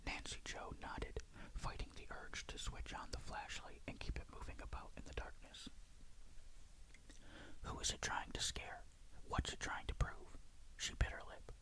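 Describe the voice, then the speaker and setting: A storyteller reading a ghost story in a breathy, hushed, suspenseful whisper, in ASMR style. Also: unhurried, low-quality recording.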